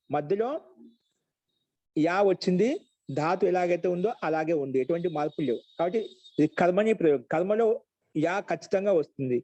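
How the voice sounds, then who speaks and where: Man, online grammar teacher, slightly high voice, dry close sound, dictates slowly with repeats. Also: mellow, dry recording, low-quality recording. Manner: repeats each rule slowly for note-taking. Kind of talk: dictation-paced online lesson.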